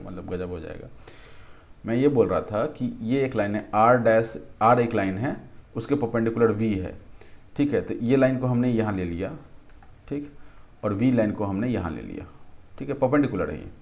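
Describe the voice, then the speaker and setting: A man's voice: fairly low pitch, a little mellow. A man teaching a physics lesson in a conversational way, often checking in with questions and correcting himself as he works through it. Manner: thinks aloud, restarts and self-corrects. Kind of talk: explaining a lesson at a board.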